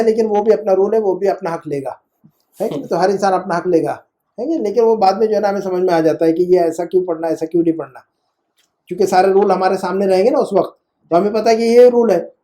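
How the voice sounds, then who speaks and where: Mellow-voiced man teaching over a call. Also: high-pitched. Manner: patient, repetitive, keeps checking understanding. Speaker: Arabic teacher. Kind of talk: online one-on-one language lesson.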